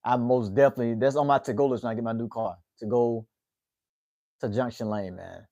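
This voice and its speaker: Medium in pitch, dark and steady, this American man in his twenties talks a little fast as he hosts a livestream. He keeps things relaxed with his audience and tacks "man" onto his phrases, heard in studio-quality sound with no room echo.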